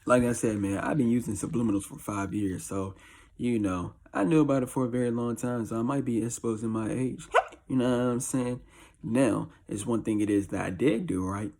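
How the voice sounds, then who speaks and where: A man with a deep, husky early-morning voice, chatting casually as a video host in a slangy, repetitive way. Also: steady tone, moderate pace, a little mellow. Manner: slangy, informal, repeats catchphrases. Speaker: YouTube host. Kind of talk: casual chat to camera.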